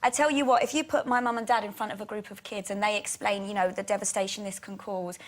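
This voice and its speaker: A woman in her twenties, a guest on a TV chat show, talking quickly and animatedly, sometimes giggly. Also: medium pitch, fairly even intonation. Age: 20s. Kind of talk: casual TV chat show interview. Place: TV studio.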